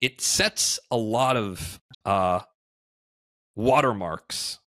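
A man in his thirties, a guest on a remote video call, explaining things in a measured way with frequent fillers. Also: fairly low pitch, lively intonation, a bit bright, no echo. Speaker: podcast guest, housing entrepreneur. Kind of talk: conversational interview.

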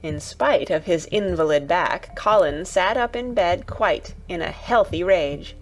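A woman narrating a classic children's audiobook in a calm, even storytelling voice. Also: on the low side, unhurried, faint music behind, low-quality recording.

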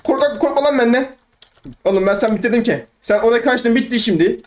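A young man giving excitable, rambling let's play commentary, trash-talking opponents and talking to himself. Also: extremely high pitch, a little fast. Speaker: gaming YouTuber.

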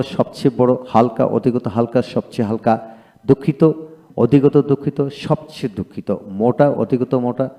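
Man slowly drilling grammar word forms. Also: medium pitch, mellow. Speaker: English grammar teacher. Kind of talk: video lecture.

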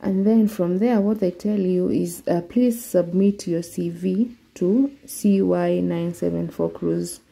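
A woman's voice: fairly low pitch, fairly even intonation, gravelly, mellow. A Kenyan woman walking viewers through an online form step by step in a screen-recorded tutorial. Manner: slow, step-by-step explaining. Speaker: vlogger.

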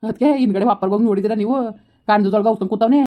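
A woman playing a brisk elder village woman who scolds in short, curt lines, heard from off the mic. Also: mid-range voice, steady tone, highs cut off, natural voice. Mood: scolding.

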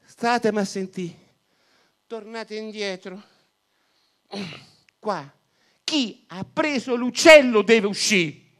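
A man voicing a flustered village priest who shouts and pleads in exasperation during a comic verse recitation. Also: high-pitched, slow pace, pauses often, pitched above the performer's own voice. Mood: exasperated shouting. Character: flustered middle-aged male village priest.

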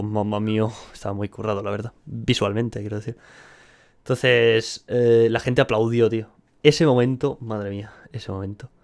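A man's voice: mid-range voice, smooth. A young man from Catalonia chatting casually while he plays, rambling and tossing in friendly filler words. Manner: chatty, rambling, lots of "tío". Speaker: gaming YouTuber. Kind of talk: casual gameplay commentary.

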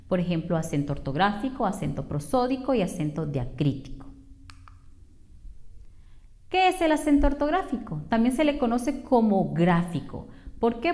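A woman teacher with a Honduran Spanish accent, narrating a spelling and accent lesson and saying example words slowly and carefully. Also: a little high, a little mellow. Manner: slow, careful over-enunciation of example words.

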